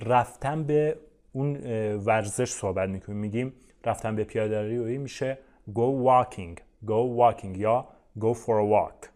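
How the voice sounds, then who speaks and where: A man, a native Persian speaker, teaching an online English lesson. He explains in Persian with frequent "uh"s, then says each English example slowly and repeats it. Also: medium pitch, dark tone. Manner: often says "uh" and addresses viewers as "friends".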